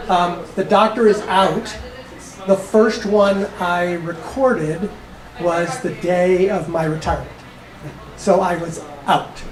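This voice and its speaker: A woman's voice: lowish voice, darkish tone, far from the mic. A woman in her sixties, a coach, giving a casual talk with chatty, laughing asides while losing her voice. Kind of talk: casual talk to a small audience. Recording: echoey room with audience noise.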